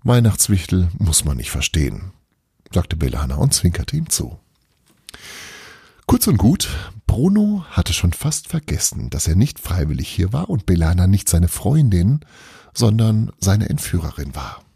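A man narrating a children's storybook in an expressive, lively way, hosting an advent podcast. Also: low voice, a little slow, gravelly, breathy edge, no room sound, studio quality.

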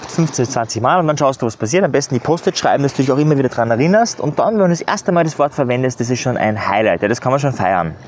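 A man's voice: mid-range voice, lively intonation, fast talker, few pauses, slight background noise. A man giving earnest, casual coaching advice in a motivational monologue, often adding "ja". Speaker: self-improvement coach. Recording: slightly dull recording.

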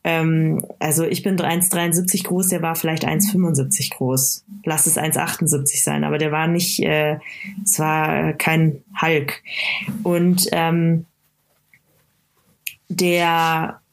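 A woman recounting a personal experience in a casual conversation, pausing often with fillers and starting sentences over. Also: low-pitched, little pitch movement. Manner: halting, many fillers and restarts. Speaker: interview guest.

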